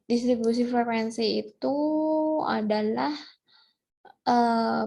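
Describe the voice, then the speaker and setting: A woman's voice: on the high side, gravelly, a little mellow, husky. A woman lecturer giving a recorded online lesson, explaining step by step with many fillers and restarts. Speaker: university lecturer.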